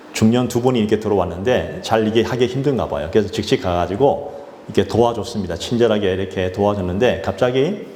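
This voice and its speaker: A man's voice: on the low side, a little mellow. A man, a pastor, telling a story in a sermon, with loose fillers and restarts along the way. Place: church sanctuary. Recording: echoey church hall with faint noise.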